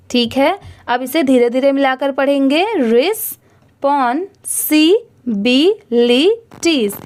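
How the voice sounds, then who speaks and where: A woman with a high voice gives a reading lesson at an unhurried pace. She spells each word letter by letter, then blends the parts slowly and asks gentle rhetorical questions to guide learners. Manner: patient, encouraging explanations with many rhetorical questions. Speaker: English reading teacher.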